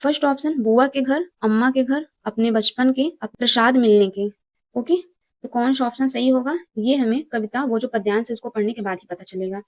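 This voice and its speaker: A woman's voice: on the high side, normal speed, a little mellow, no room sound. Woman teacher quizzing and answering herself. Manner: asks questions and answers them herself, repeats key words. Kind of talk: exam-prep lesson.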